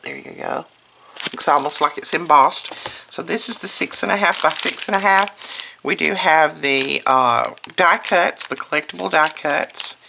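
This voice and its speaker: A craft video host with a low, hoarse voice, still getting over an illness, walks through her items piece by piece in an unhurried, talkative manner as she handles them. Behind her, paper and packaging crinkle and clicks sound clearly.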